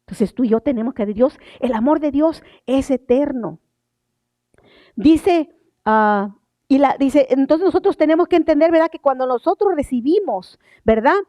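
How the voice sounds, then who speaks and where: An older woman preaching a sermon, rising on key words and dropping into soft asides, reading scripture slowly. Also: high voice, lively intonation, no echo. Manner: reads scripture slowly and deliberately. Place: church sanctuary.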